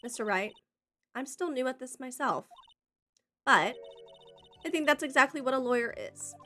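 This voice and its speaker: A calm young female defense lawyer , as a woman reads her lines in a game. She speaks gently and steadily, giving advice, with a bright tone. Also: high-pitched, moderate pace, soft background music.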